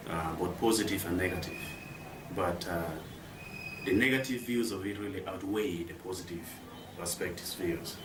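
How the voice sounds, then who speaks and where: A Ugandan man from northern Uganda, a student leader, giving measured interview answers with many pauses. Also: sits low. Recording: roomy, distant mic, noisy outdoor ambience.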